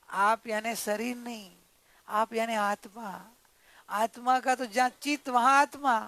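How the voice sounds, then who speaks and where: A man giving a devotional sermon, telling a story in an animated way and asking his listeners questions. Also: high voice, creaky. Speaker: spiritual teacher.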